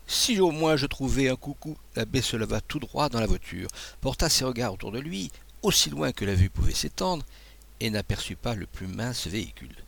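A man reads a story aloud in a measured manner, his voice gravelly and lively in pitch. It is steady, plain storybook narration.

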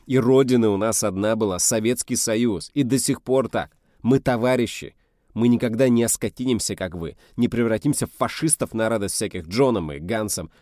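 A man voicing a gruff old navy captain. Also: fairly low pitch, normal speed, mellow, no room sound, studio quality, pitched above the performer's own voice, lightly acted. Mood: stern. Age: 60s. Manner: gruff, commanding, bitter. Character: older male navy captain, stern and gruff.

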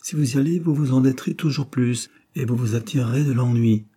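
A man's voice: mid-range voice, brisk, warm tone, slightly rough, voice pushed up, lightly acted. A man voicing an earnest, principled young working woman in a storybook reading, speaking in a grave and admonishing way.

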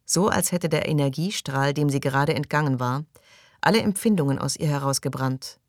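A woman reading a novel aloud as an audiobook in a steady, measured way. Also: low-pitched, no echo, clean studio sound. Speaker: audiobook reader. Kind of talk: scripted narration.

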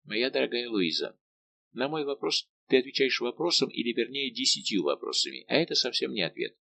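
A man reading the part of a lively young maid of honour who teases and presses her friend with brisk, insistent questions. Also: mid-range voice, vocal fry, full character voice. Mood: coaxing.

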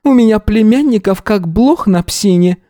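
A woman's voice: medium pitch, expressive, moderate pace, warm tone, dry recording, clean studio sound, voice pushed up, close to an everyday voice. A man reading an audiobook voices a wily old woman who shrieks, whines and pleads. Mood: mocking. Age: older. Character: shrill, wily old woman, hoarder, wheedling and loud.

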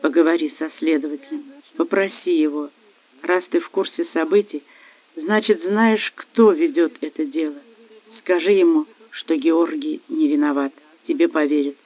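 Man doing a tearful wife, pleading, high voice, tinny dry audio. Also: fairly even intonation, moderate pace, close to an everyday voice. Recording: dry, phone-like lo-fi.

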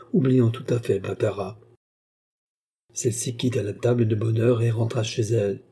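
A man narrating a classic French novel in a measured storytelling manner. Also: fairly low pitch, mellow, husky. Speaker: audiobook reader. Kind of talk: scripted narration.

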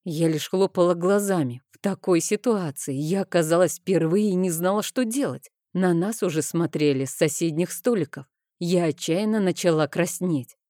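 A woman's voice: fairly low pitch, normal speed, hardly any pauses, warm tone, dry recording, studio quality. A woman narrating a novel in the first person, reading expressively and with feeling. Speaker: audiobook narrator.

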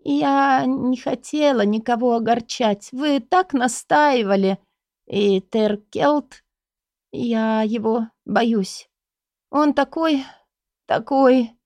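A woman's voice: fairly high pitch, slow pace, a little mellow, dry recording, voice pushed up. A woman voicing a young lady who feigns a weak, whimpering voice. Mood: feeble.

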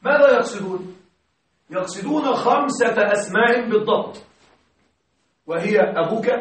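High-voiced man teaching in an echoey classroom. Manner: keeps quizzing students with short check questions. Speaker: Arabic grammar teacher. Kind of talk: classroom lecture. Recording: very echoey room, mic far off.

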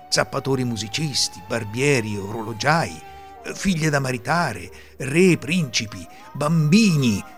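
A man hosting a podcast and narrating folk fairy tales in an expressive, lilting storytelling manner. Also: a little high. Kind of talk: scripted fairy-tale narration.

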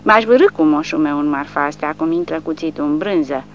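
A woman's voice: low voice, lightly acted. A woman voicing a lewd, leering male soldier who talks crudely. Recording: dull lo-fi with faint hum.

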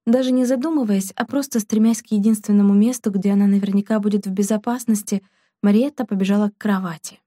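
Female audiobook narrator, calm even reading, mellow dry sound. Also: mid-range voice, fast, dry recording. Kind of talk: scripted narration.

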